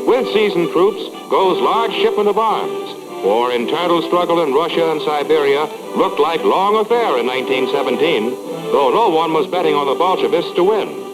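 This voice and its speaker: A man's voice: a little high, expressive, normal speed, low-quality recording. A man narrating an old newsreel in a clipped, headline-style announcer delivery. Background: loud music.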